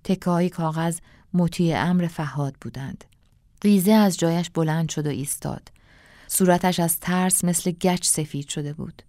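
Brief: woman storyteller, low calm voice, dry close recording. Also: dry recording. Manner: calm measured reading, dropping to a hush in tense moments. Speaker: audiobook narrator. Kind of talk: storybook narration.

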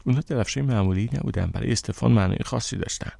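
A man's voice: mid-range voice, creaky, dark tone, dry recording. A man reading an audiobook, voicing an upset young woman who insists and flares into anger. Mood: insistent. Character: upset young woman telling her story, heated.

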